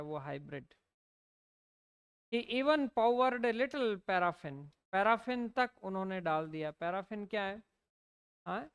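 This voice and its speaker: This is a woman with an Indian English accent teaching a poetry lesson. She speaks in a smooth, clear voice at a very unhurried pace. She drawls each verse line out and then explains it plainly. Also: medium pitch. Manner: reads verse lines slowly, then explains in Hindi.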